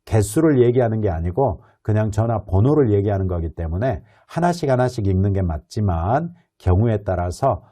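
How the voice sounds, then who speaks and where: A man teaching an English lesson, explaining patiently and reading model sentences slowly and clearly for learners to repeat. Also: fairly low pitch, dark tone. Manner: explains patiently, with rhetorical questions. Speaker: English instructor.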